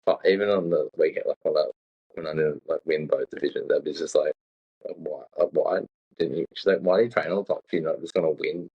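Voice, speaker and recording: Young Aussie bloke, deep fried voice, husky, casual swearing podcast chat, muffled lo-fi recording. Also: male voice, fast. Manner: rambling, swears a lot, acts out quotes. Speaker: podcast co-host. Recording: dull lo-fi sound.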